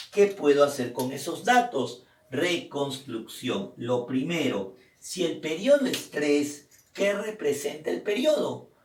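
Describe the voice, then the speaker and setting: Guy teaching chem, slow and careful, kinda high voice, echoey room, mic a bit far. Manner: explains step by step, asks and answers his own questions. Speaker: chemistry teacher. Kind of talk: recorded chemistry lesson.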